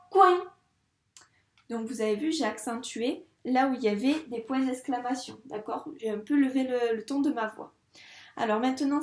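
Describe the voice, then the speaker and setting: Female schoolteacher, patient and deliberate, recorded with noticeable room echo. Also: high voice, darkish tone. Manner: slow, patient, clearly articulated. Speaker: first-grade teacher. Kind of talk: reading lesson for young children.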